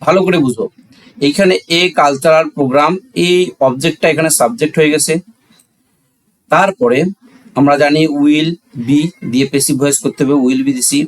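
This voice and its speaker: The recording is rough, capturing an English grammar teacher with a Bangladeshi accent speaking at a moderate pace in a voice on the high side. He explains a lesson classroom-style, step by step, didactically repeating key phrases and raising questions he answers himself.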